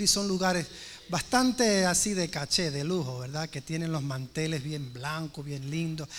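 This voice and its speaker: A man with a fairly high voice tells a personal story from the pulpit in a chatty, animated way. He acts out bits of dialogue as he goes. A faint hiss of noise sits behind him. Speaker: preacher. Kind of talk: sermon storytelling.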